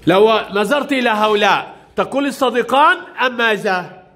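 A man's voice: high-pitched, brisk, a bit bright. A male primary school teacher, giving a classroom reading lesson and prompting and praising pupils in short commands.

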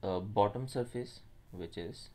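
A man's voice: lowish voice, measured pace, darkish tone. A man with a Pakistani accent explains a maths problem step by step as a teacher, mixing Urdu phrases into his English.

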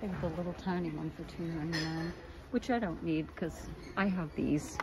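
A woman's voice: low-pitched, steady tone, moderate pace. A woman chatting casually as she walks through a large store, filming on her phone and pointing out prices. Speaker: vlogger. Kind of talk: casual shopping vlog narration. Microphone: phone camera held while walking. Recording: noisy store background.

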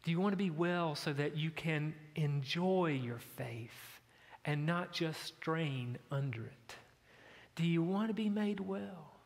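Male pastor, high-pitched, unhurried sermon delivery, echoey church sound. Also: lively intonation, creaky. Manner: storytelling preacher, building to emphatic questions. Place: church sanctuary.

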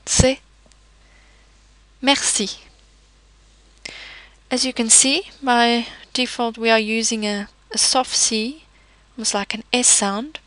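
A woman's voice: a little high, fairly even intonation, measured pace, fairly bright tone, no room sound, rough recording. A woman teaching a pronunciation lesson, patiently explaining each letter with example words. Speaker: language teacher. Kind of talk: slow, careful pronunciation lesson.

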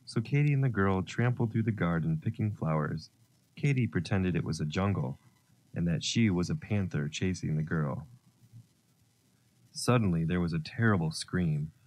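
A man narrating a children's story, gentle and expressive. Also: low voice, normal speed.

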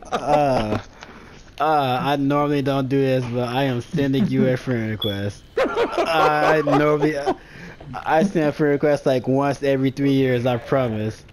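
A man's voice: medium pitch, a little slow, heavy background noise. A man chatting casually with teammates while playing an online shooter, laughing often and bantering easily. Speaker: gamer streaming his match. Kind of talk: casual gaming chat.

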